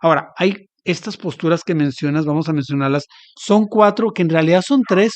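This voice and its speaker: A man's voice: fairly high pitch, a little fast, no room sound. Earnest northern Mexican man explaining. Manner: earnest, explanatory, searching for words. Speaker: podcast guest. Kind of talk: casual theological discussion.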